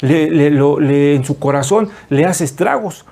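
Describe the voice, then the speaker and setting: A man's voice: fairly high pitch, unhurried, gravelly, mellow. A man preaching an earnest, explanatory sermon to his online channel. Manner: earnest, explanatory, lists words. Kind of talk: sermon teaching.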